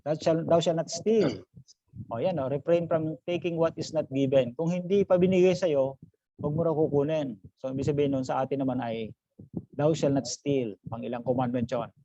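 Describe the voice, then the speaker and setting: Male pastor, lecturing a class, higher-pitched and mellow, dry lo-fi video-call audio. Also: fairly even intonation, moderate pace, no echo. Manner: mixes English phrases into Tagalog, poses questions to the class; calls listeners brothers and sisters.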